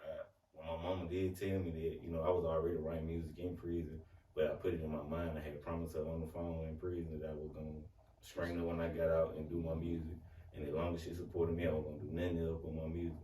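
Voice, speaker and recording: A man with a Southern accent from Alabama, a rapper guest telling his story slowly and calmly in a casual interview. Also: extremely low pitch, a little hiss or hum. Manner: slow, laid-back storytelling. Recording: echoey room, mic at a distance, faint ambience.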